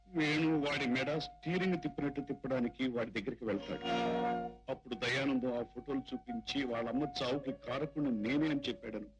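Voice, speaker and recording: A man's voice: mid-range voice, lightly acted, low-quality recording. An actor playing a worried, brooding middle-aged father in a film soundtrack. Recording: film soundtrack with loud background music.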